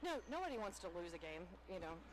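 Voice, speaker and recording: A woman's voice: fairly low pitch, big pitch swings, fast talker. A woman coach giving a candid, upbeat postgame interview, a little out of breath, with lots of fillers. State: slightly out of breath. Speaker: head basketball coach. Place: high school gym after a game. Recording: noisy gym ambience.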